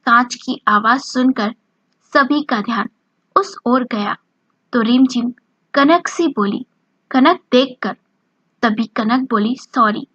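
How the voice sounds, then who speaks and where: A woman narrating a romance story in a slow, even reading voice, lightly voicing the dialogue. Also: on the high side, breathy edge, no echo. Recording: dull lo-fi dry recording.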